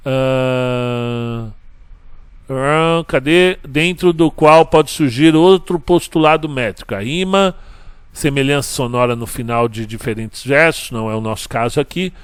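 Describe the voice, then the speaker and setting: A man's voice: medium pitch, unhurried, clean tone. A man teaching a class on verse. He counts syllables aloud, asks questions and answers them himself, and checks in with his listeners often. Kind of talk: recorded class lecture.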